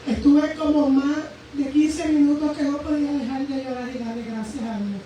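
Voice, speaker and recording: A woman preacher giving a fervent testimony in a sermon, emphatic and swinging between raised and hushed speech. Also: high-pitched, fairly even intonation, normal speed. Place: church sanctuary. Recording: very echoey church hall, voice from far off, faint noise.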